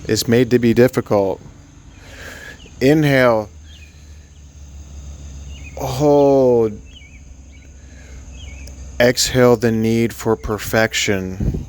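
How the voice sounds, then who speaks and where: In an unscripted guided sleep meditation, a man speaks gently and soothingly, halting often and leaving long pauses. His pitch sits in the middle range and his intonation stays fairly even.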